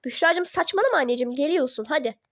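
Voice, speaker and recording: Woman voicing a pushy middle-aged mother, coaxing, dismissive, high voice, dry sound, toy-app role-play drama. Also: expressive, fast, fairly bright tone, no echo.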